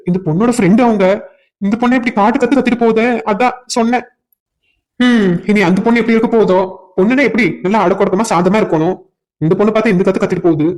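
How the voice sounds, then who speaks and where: Guy doing cartoon drama voices, south tamil accent, jokey and flustered, talks quick. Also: high-pitched, a little mellow. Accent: south Tamil Nadu dialect. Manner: joking and flustered, laughs between lines. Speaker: voice actor for a cartoon series.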